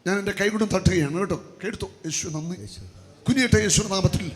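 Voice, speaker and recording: A man's voice: sits high, quick pace. A man leading a charismatic healing service from the altar, giving commands and repeating prayer lines in a chant. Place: church retreat hall at the altar. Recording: echoey hall with faint noise.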